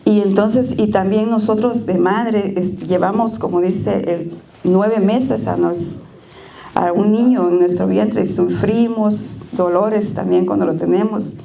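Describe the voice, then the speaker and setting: Middle-aged woman, church testimony, mellow dark tone, tender and plainspoken with pauses. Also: mid-range voice, fairly even intonation, vocal fry. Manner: tender, plainspoken, with frequent hesitations. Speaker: church member giving a reflection. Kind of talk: personal testimony and prayer. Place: church service.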